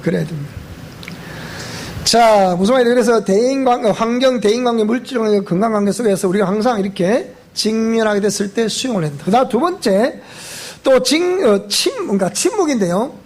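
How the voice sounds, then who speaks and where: A man with a Gyeongsang accent preaching a sermon in a church, animated, repeating phrases and asking the congregation questions. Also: high voice, brisk. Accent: Gyeongsang Korean. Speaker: pastor.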